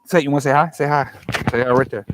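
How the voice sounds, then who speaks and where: Quick-paced and fairly even in intonation, the man's mid-range voice carries over slight background noise. He's hosting a casual live stream from a campsite, joking and rambling with viewers via a clip-on mic with a fuzzy windscreen.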